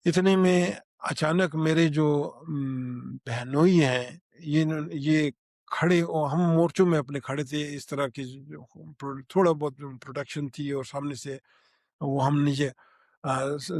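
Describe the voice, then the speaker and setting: Older man recalling, halting and dry. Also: fairly high pitch, fairly even intonation, darkish tone, dry recording. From Pakistan. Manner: halting, with many restarts and fillers. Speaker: eyewitness. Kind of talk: spoken recollection.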